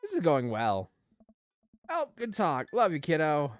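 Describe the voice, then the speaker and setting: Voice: mid-range voice, huge pitch swings, unhurried, dry recording. Chatty game streamer reading a dad's lines, voice bounces around a lot, dry close mic. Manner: rambling, chatty asides with laughs. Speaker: streamer playing a dating game. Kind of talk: let's play commentary and reading.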